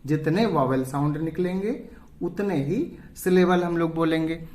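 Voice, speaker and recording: A male teacher giving an exam-prep lesson, putting questions to his class and answering them himself, drawing out example words slowly. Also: on the high side, darkish tone. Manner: slow, drawn-out example words.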